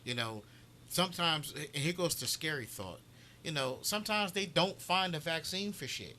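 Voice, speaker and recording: A male podcast co-host talks in a loose, emphatic way, swearing and repeating himself as he builds his point. His voice is bright and forceful. A faint hiss sits behind him. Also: on the high side, moderate pace. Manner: profane, emphatic, animated storytelling. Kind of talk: casual chat.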